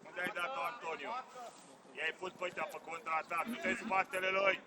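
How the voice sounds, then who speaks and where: A man's voice: sits high, little pitch movement, a crowd in the background. A man coaching an amateur football match from the sideline, calling players by name with urgent commands. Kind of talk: shouted touchline instructions. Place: outdoor amateur football pitch.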